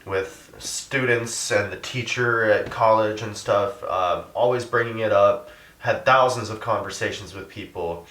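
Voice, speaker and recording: Halting activist interviewee, man, low voice, choked up, recorded from a distance in an echoey room. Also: a bit bright. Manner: halting, many fillers, voice rising when upset. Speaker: interviewee, animal rights activist. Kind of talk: emotional interview.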